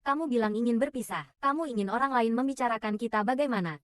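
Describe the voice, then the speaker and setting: A woman's voice: fairly high pitch, fast talker, no echo, studio quality, close to an everyday voice. A woman voicing a pleading older husband.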